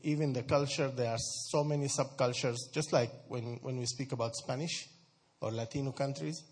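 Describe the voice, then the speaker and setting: A man from Sudan gives an informal, conversational talk to a church group, asking his listeners questions and laughing often. His mid-range voice has fairly even intonation, normal speed, and a breathy edge.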